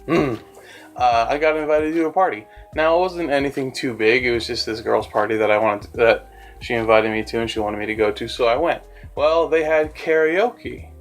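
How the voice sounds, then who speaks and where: A man's voice: medium pitch, fairly quick, soft background music. Rambling young man telling a story. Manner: rambling, self-deprecating, animated. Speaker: animator and storyteller. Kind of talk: casual storytime narration.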